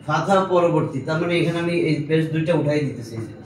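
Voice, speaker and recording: A man teaches a small class in an informal way, patiently working through each step and stopping to check that his students understand. His voice sits a little high for a man. It sounds roomy and a bit distant, with a faint hiss underneath. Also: fast, a little mellow. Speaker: Arabic grammar teacher. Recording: echoey room, mic at a distance, faint noise.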